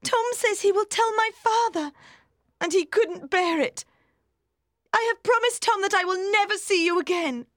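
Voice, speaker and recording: A woman's voice: high-pitched, very animated, unhurried, dry recording, studio quality, pitched above the performer's own voice. A woman voicing an emotional, pleading young girl. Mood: upset.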